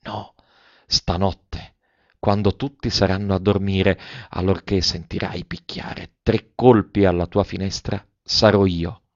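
A brooding young man, played by a storyteller who speaks curtly and in hushed tones. His voice is low and even. The recording sounds dry and muffled. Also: unhurried, no room sound. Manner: curt, subdued.

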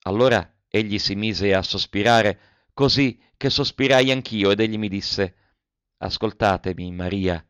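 A man reading a first-person letter novel aloud with emotional, lingering delivery and soft pauses. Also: fairly low pitch, fairly even intonation, clean tone, no room sound. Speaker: audiobook reader. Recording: dull, dry lo-fi audiobook recording.

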